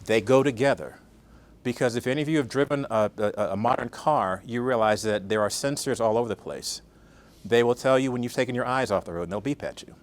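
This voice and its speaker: A man's voice: medium pitch, brisk. An older man giving a conversational conference talk, often asking the audience questions. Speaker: guest speaker.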